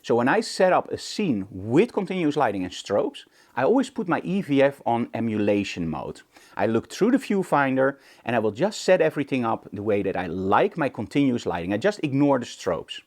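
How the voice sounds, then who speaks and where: His pitch swings widely around a medium, slightly mellow center as a Dutch photography show host from the Netherlands speaks at a moderate pace. The to-camera tutorial is informal, conversational and emphatic, with plenty of rhetorical questions.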